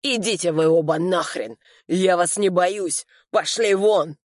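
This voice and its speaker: Casting: reader doing an enraged, cornered man, yelling, raised pitch, dry booth sound. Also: normal speed, no room sound, close to an everyday voice. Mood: defiant. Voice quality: yelling, strained. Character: cornered furious man, defiant and shouting. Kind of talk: audiobook dialogue acting.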